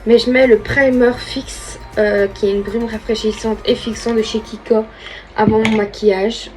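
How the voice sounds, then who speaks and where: A woman's voice: fairly high pitch, level tone, normal speed, over music, low-quality recording. Chatty young woman doing makeup. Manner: chatty, informal, thinking aloud while she works. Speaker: beauty vlogger. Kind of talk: casual makeup tutorial chat.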